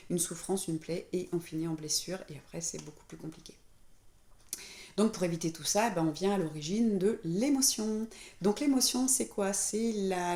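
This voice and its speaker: A woman's voice: fairly low pitch, mellow. Woman medium chatting casually to viewers, lots of fillers, echoey room. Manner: chatty and informal, with frequent fillers. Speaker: spiritual medium and therapist. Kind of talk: casual explanatory talk to viewers. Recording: roomy echo.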